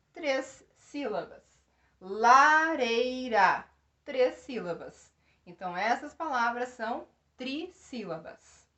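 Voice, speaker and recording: Slow, high-voiced woman teaching. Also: fairly bright tone. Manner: explains step by step, asking the class questions. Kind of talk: classroom grammar lesson.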